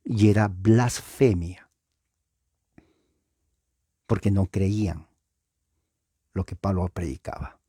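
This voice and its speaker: Slow, husky-voiced male Bible teacher. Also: low-pitched, mellow, dry recording, studio quality. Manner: explains word meanings, checks understanding with "¿se dan cuenta?".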